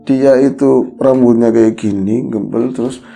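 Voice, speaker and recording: A man, co-hosting a podcast and telling a ghost story in a casual, animated way, acting out the voices he quotes. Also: medium pitch, a little slow, gravelly, soft background music. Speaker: horror podcast co-host.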